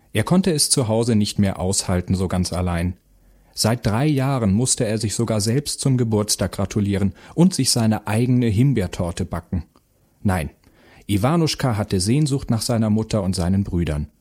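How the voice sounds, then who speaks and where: A man narrating a children's fairy tale aloud in a slow, expressive storytelling manner. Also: lowish voice, husky.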